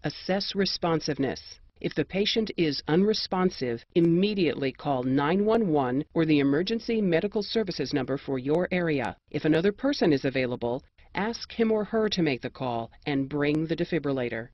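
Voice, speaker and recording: An American narrator reading scripted instructions in a measured, precise and formal manner. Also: mid-range voice, lively intonation, no room sound, lo-fi sound.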